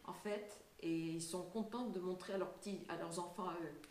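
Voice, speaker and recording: A woman's voice: fairly low pitch, steady tone, moderate pace, darkish tone, roomy sound, a little hiss or hum. An older woman being interviewed, talking casually and hesitantly with many fillers and light laughs. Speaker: singer and voice actress, guest.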